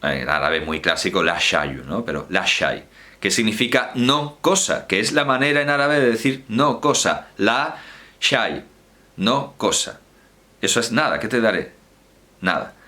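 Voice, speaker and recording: A man's voice: fairly low pitch, a little slow, bright, forceful tone. A man with a Spanish accent giving a university lecture, digressive, with restarts and rhetorical questions.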